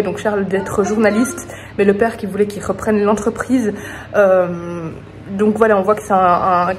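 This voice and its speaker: A woman's voice: mid-range voice, darkish tone, slight background noise. A woman book vlogger chatting casually to camera at home, enthusiastic and full of small hesitations.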